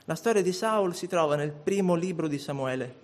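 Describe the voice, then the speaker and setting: A male preacher whose voice sits a touch high for a man. He reads scripture to a church congregation, taking it slow and deliberate, then steps into a sermon. His delivery stays steady and measured from start to finish. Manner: measured, deliberate reading aloud. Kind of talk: sermon with Bible reading.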